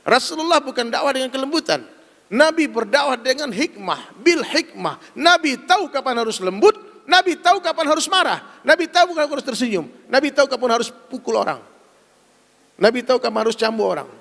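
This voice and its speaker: A man preaching a sermon to a gathering, emphatic and animated, often addressing his listeners directly as he drives his points home. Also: very high voice, a little fast, vocal fry. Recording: long hall reverb.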